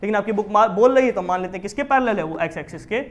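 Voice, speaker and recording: A man teaching a commerce class, explaining with lively questions to his students. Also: high-pitched, rapid-fire. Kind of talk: classroom lecture in Hindi with English terms.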